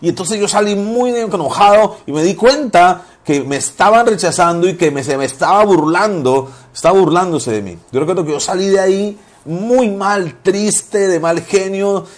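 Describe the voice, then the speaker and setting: A male pastor, his voice sitting a little higher than most men's. He preaches in a loose, conversational way, lingers on personal stories and hammers home key phrases by repeating them. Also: normal speed, few pauses. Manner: animated storyteller, repeats phrases for emphasis.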